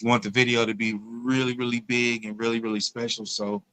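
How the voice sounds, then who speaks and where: A man's voice: mid-range voice, flat delivery, pushed and bright, clean tone. A man guesting as a singer-songwriter on a radio show, readily agreeing and thanking the host in casual chat. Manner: agreeable, quick to affirm and thank.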